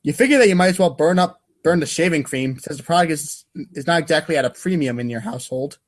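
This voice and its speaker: In a fairly high, animated voice at a quick pace, a man performs a dramatic reading of webcomic narration. He delivers the readers' theater script wryly, tripping over the text now and then.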